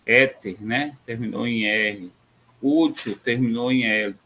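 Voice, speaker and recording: A Brazilian man giving a recorded grammar lesson, pausing often on fillers and spelling out example words slowly. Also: medium pitch, pushed and bright, slight background noise. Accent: Brazilian Portuguese. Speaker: teacher.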